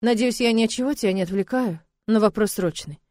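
A woman's voice: medium pitch, a little fast, darkish tone, no room sound, natural voice. A woman voicing a stern father who speaks curtly and dryly. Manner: curt, dry.

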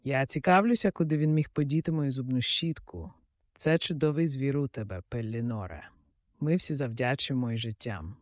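A man's voice: medium pitch, moderate pace, no room sound, clean studio sound, lightly acted. A man voicing a feeble, fussy old inventor held prisoner, in an audiobook. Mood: relieved. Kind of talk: audiobook character voice.

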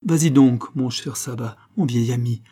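A man voicing a moody, imperious young count, lovesick and emotional, with a husky voice. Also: medium pitch, moderate pace, dark tone, natural voice. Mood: coaxing.

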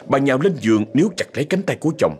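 A man's voice: mid-range voice, very fast, slight background noise. A man narrating a ghost story dramatically. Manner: dramatic, expressive.

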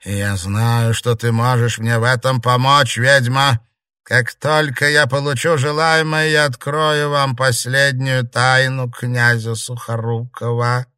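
A man voicing the ghost of a vengeful dead old woman, speaking slowly with a hiss. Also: mid-range voice, level tone, pushed and bright, smooth, no room sound, clean studio sound, pitched above the performer's own voice. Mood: scheming. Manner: slow, drawn-out, hissing. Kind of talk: audiobook character voice.

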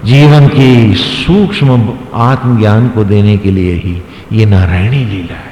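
A man voicing a calm, gentle male god in a sermon story, speaking slowly and solemnly in a gently instructive way, in an echoey hall. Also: lowish voice. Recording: echoey hall, faint background noise.

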